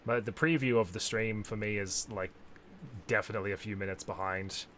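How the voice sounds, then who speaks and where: A man hosting his own live stream in casual chat, animated and jumping high in pitch for quoted asides. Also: a little fast, a little hiss or hum. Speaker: streamer host.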